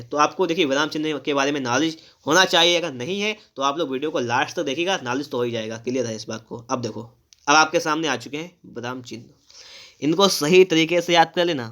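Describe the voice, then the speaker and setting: A man with a slightly raised pitch runs an exam-prep grammar lesson. He reads out rules, then breaks each one down by asking a question and answering it himself. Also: a bit bright. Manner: explains step by step, asks and answers his own questions. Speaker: Hindi grammar teacher.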